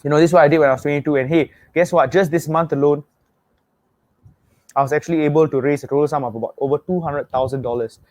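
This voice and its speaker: Speaking quickly with a fairly high, darkish voice and fairly even intonation, a young Singaporean man runs an online webinar. He gives an energetic motivational pitch in Singaporean English, repeats himself, and prompts viewers to type responses; the recording is dry.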